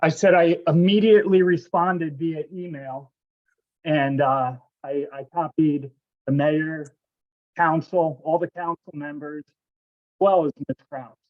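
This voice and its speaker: A man's voice: a little high, fairly even intonation, measured pace. A man calling into a council meeting, combative and accusing as he presses officials for answers. His voice comes through a dull, lo-fi remote line that keeps breaking up. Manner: confrontational, accusing. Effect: remote call audio breaking up. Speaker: resident speaking at public comment. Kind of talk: public comment at a council meeting.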